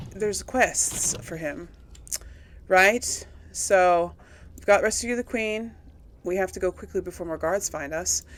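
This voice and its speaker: A woman who streams video games and hosts a series offers casual, chatty let's play commentary in a lowish, fairly bright voice. She thinks aloud and asks herself questions as she plays.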